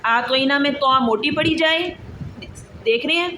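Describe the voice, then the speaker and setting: A woman's voice: high-pitched, sharp tone. Woman teaching recitation in an echoey room. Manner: patient, drills syllables slowly and asks pupils check questions. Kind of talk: online class lesson. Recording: echoey room with clear background noise.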